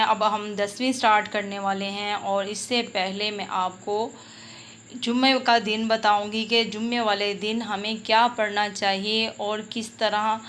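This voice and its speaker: A woman's voice: mid-range voice, a bit bright. A woman with a Pakistani Urdu accent teaching a Quran reading lesson, patiently spelling out and repeating each syllable for learners to follow. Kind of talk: slow spelled-out recitation lesson.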